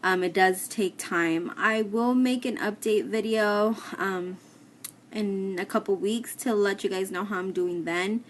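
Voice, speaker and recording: A woman's voice: mid-range voice, a little slow. A woman giving a casual personal update to camera, explaining things plainly with some hesitation. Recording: clear background noise, room ambience.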